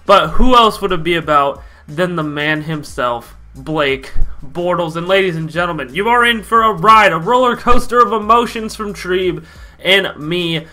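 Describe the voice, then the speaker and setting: Young male vlog host, bright tone, rambling casual delivery, faint music bed. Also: high voice, expressive, moderate pace. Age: young adult. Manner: loose, rambling, lots of fillers. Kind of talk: casual sports commentary vlog.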